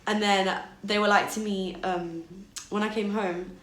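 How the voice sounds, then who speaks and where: A young British woman vlogger tells a personal story in a casual, chatty way full of fillers, acting out quoted dialogue. Her medium-pitched voice is steady and unhurried, recorded in an echoey room.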